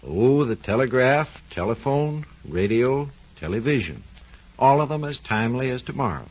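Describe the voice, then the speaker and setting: In a muffled, lo-fi 1940s radio recording, an American research engineer presents a science program through a scripted, formal educational talk. His mid-range voice has lively intonation and a normal speed.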